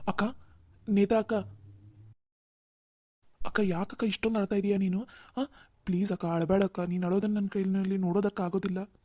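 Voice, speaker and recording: A woman's voice: mid-range voice, steady tone, fairly quick, long pauses, mellow, no room sound, studio quality, lightly acted. A woman voicing a caring young woman in a cartoon, soothing and reassuring. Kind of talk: Kannada cartoon voice acting.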